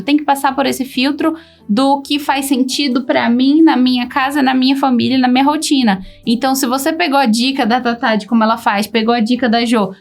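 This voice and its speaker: A Brazilian woman co-hosting a podcast for mothers, speaking calmly and reflectively in casual chat. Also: high-pitched. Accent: Brazilian Portuguese. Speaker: podcast co-host.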